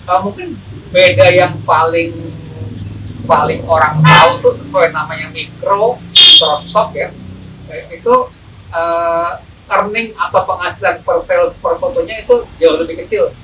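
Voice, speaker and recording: A man's voice: high voice, expressive, unhurried. A man explaining things casually as an interview guest, hesitant and repeating words, slightly muffled by a face mask. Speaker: photography teacher, interview guest. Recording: distant mic, faint room noise.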